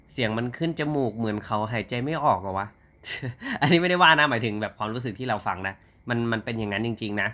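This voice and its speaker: A man's voice: medium pitch, pushed and bright. A young man casually ranting to camera, blunt and profane, with a rambling delivery. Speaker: commentary vlogger.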